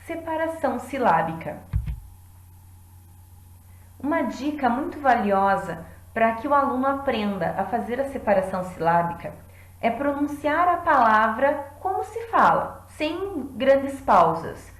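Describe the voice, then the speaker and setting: Woman teacher, slow and deliberate, fairly high voice. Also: sing-song, reverberant, low-quality recording. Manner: clear, deliberate, claps out syllables. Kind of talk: classroom lesson.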